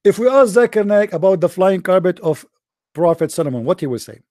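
Man, sarcastic deadpan commentary, high voice, dry close sound. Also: fairly quick, no room sound. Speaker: host. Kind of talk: sarcastic commentary over a text.

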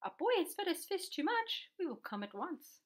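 A woman's voice: a little high, lively intonation. A woman voicing an urgent male fireman in a children's storybook, calling out and hollering. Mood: astonished. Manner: yelling, drawn-out calls.

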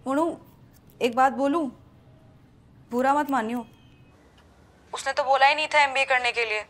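A woman's voice: high voice, fairly even intonation, moderate pace, fairly bright tone. An actress playing a frank, direct young woman friend of the lead, with light music behind. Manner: direct, confronting.

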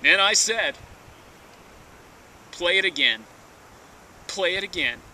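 A young man with a high voice performs lyrics as a hammy stage actor would. He takes them very slowly, stretching words and leaving theatrical pauses. He is recorded outdoors, distant from the camera mic with clear wind noise. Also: animated, sharp tone. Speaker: performer of comic dramatic readings. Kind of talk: dramatic reading of song lyrics. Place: outdoors at the edge of woods. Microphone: camera mic from a few metres away.

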